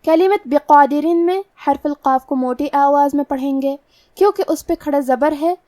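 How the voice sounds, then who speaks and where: A woman with a high, clear voice teaches the rules of Quran recitation in a slow, methodical way. She sits a little back from the mic, and the sound is dry, with no room echo. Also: mellow, far from the mic. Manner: slow, careful, methodical explanation. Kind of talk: tajweed lesson, explaining letter rules.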